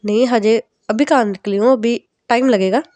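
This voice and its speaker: A woman's voice: a little high, moderate pace, darkish tone, no room sound, natural voice. A woman voicing an exasperated young woman who protests defensively on a phone call. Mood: calm.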